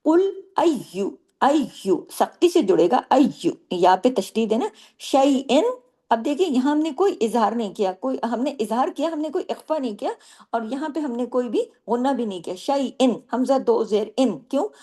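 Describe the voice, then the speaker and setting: A woman teaching tajweed, explaining the rules step by step and reciting Arabic words slowly. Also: fairly high pitch, animated, warm tone. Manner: explains rules step by step, asking and answering her own questions.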